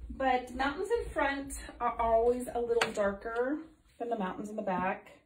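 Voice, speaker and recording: A middle-aged woman, an art teacher, gives a casual painting tutorial in her home art studio, chatting through the project with lots of ums. Her voice is a little high and moves at normal speed, slightly off from a recent illness. A phone camera overhead catches her from the side, so she sounds off-mic in an echoey room with a noisy background.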